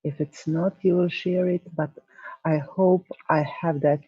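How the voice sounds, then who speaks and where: A man chairing an online conference session, speaking slowly and politely. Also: fairly high pitch, steady tone, slightly rough, no room sound, lo-fi sound. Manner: slow, polite and apologetic.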